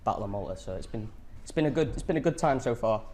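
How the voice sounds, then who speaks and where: A man's voice: medium pitch, lively intonation, darkish tone, a little hiss or hum. Hesitant young man. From England, near Blackpool. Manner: halting, lots of fillers and repeats. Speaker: guest poker player. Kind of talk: casual interview.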